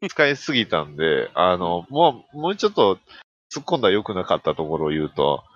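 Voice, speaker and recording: A man's voice: deep voice, big pitch swings, brisk, fairly bright tone. A man, joking and laid-back in a casual chat. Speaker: film reviewer. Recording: dull lo-fi sound.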